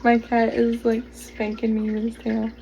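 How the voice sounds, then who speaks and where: A woman giving a channeled tarot reading to the viewer, speaking gently, slowly and reassuringly, drawing out her words. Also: a little high, monotone, a little hiss or hum, rough recording. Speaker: tarot reader. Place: home, pets nearby.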